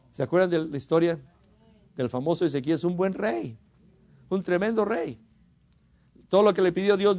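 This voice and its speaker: A man from Mexico preaching a sermon. He is fervent, rises to emphatic exhortation and drops to quiet asides, and often repeats words for emphasis. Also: high-pitched.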